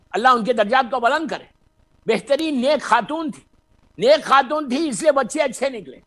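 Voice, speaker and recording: A man giving an impassioned sermon as a cleric, slipping in English phrases and breaking into shouts. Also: very high-pitched.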